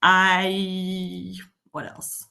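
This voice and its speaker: The voice is a woman's: fairly low, monotone and gravelly, yet bright and forceful, with drawn-out words. She's a Belgian summit host with a Belgian French accent, co-hosting a live stream casually, laughing often and using lots of "um" and "like".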